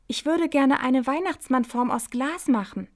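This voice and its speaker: A woman voicing an excitable young female hare in a children's radio story. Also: sits high, a little slow, pitched above the performer's own voice. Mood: eager.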